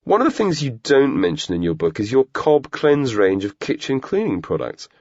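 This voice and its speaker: A sneering, theatrical young activist host, as a male narrator puts him on, full of sarcasm and mock politeness. The voice sits well above the reader's own low range and comes across dull and lo-fi, close and dry. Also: very animated, moderate pace, darkish tone, dry recording.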